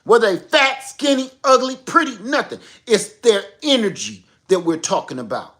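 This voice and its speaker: Animated man riffing on a livestream. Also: sits high, normal speed. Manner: animated storyteller, acts out phone calls; emphatic, repeats points. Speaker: livestream host. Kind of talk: casual livestream monologue.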